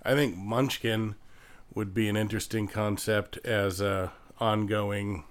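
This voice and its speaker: A man's voice: on the low side, fairly even intonation, measured pace, clear, resonant tone. A man co-hosting a podcast, reading listener questions and chatting in a laid-back way with dry short replies. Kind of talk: casual chat.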